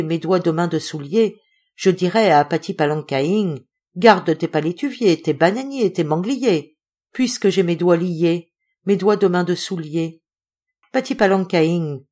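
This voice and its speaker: A lovesick male ape-man pours out his sorrow in a soft, plaintive voice. His tone sits fairly low and sounds tender and sad throughout, as a woman reading an audiobook puts him on. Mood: sad singing.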